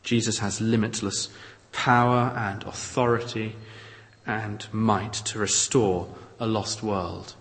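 A man preaching an expository sermon, reading scripture aloud with measured, dramatic emphasis. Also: lowish voice, flat delivery, fairly bright tone. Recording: long reverb of a large hall.

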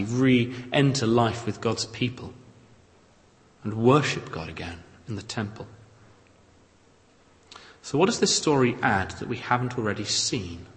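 A man preaching an expository sermon, reading scripture aloud with measured, dramatic emphasis. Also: mid-range voice. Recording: long reverb of a large hall.

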